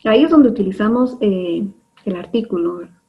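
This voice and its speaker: A woman's voice: mid-range voice, animated, brisk. Patient woman teacher on lo-fi online class audio. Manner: patient, explains step by step with many fillers.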